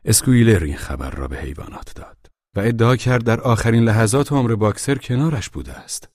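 A man narrating a storybook in a measured, grave, dramatic way. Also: lowish voice, lively intonation, darkish tone, no echo, clean studio sound. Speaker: audiobook narrator.

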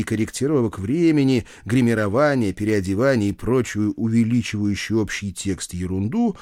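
A man reading a first-person story aloud in a wry, expressive storytelling manner. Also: mid-range voice, no room sound, clean studio sound. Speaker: audiobook reader. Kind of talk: first-person audiobook narration.

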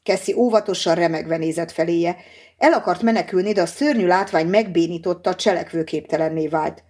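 Woman audiobook narrator, husky, measured, lower pitch. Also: a little mellow.

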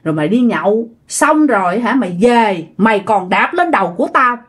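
A woman's voice: fairly high pitch, sing-song, a little fast, breathy edge. A woman voicing the angry ghost of an old woman who scolds and threatens harshly, in a Southern Vietnamese accent. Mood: furious scolding.

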